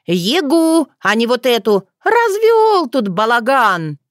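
A brash, quarrelsome young village girl from an audiobook fairy tale, as a woman narrator puts her on. Her voice is pushed high and loud, with wide, jumpy swings and a shrill, indignant edge. The sound is close and dry. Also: sing-song, measured pace, no room sound, heavily acted.

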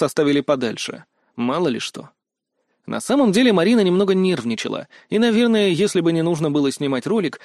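A man narrating a first-person fantasy audiobook with steady, wry storytelling. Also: on the high side, no echo, clean studio sound.

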